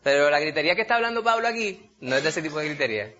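A man preaching a sermon, animated, asking rhetorical questions and calling his listeners brother. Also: a little high, racing. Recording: dull lo-fi recording.

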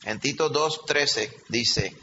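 Medium in pitch, pushed and bright, this pastor takes it slowly as he preaches in an emphatic teaching manner, often checking in with those gathered. The recording comes from a reverberant hall, slightly dull, with a faint hum.

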